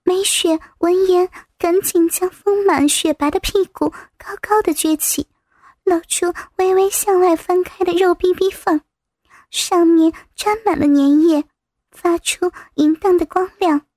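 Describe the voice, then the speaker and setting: A woman reading a story aloud as narrator, in a soft, slightly breathy manner. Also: very high-pitched, steady tone, measured pace, no room sound, clean studio sound.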